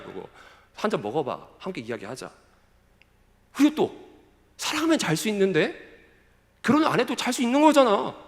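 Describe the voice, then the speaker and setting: A man voicing a teasing worldly young man who mocks churchgoers, with a scoffing tone, in an echoey hall. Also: high voice. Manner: scoffing, mocking tone.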